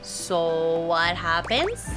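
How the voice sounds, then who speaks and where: A woman's voice: lowish voice, big pitch swings, drawn-out words. A woman gamer reacting casually to a dating sim as she plays, with game music behind her.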